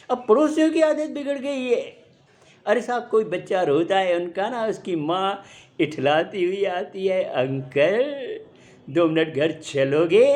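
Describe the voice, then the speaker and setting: An older man recites comic verse to a crowd, stretching his lines out in a slow, drawn-out comic delivery. His voice sits notably high for a man. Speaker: comic poet. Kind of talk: stage comedy poetry recitation.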